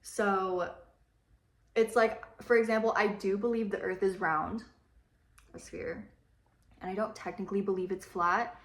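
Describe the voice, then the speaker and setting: Young female beauty vlogger, mid-pitch, chatty and rambling, slightly echoey room. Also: fairly even intonation, unhurried, pauses often. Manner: rambling, chatty, swears casually. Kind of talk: casual chat while doing makeup. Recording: roomy echo.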